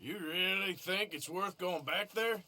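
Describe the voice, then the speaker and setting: Gruff drawling Western outlaw. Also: male voice, high voice, a little slow, sharp tone, full character voice. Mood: dry, reluctant. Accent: American Southern. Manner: drawling, dry, sardonic. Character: gruff, weary, cynical male Western outlaw. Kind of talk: video game Western drama acting.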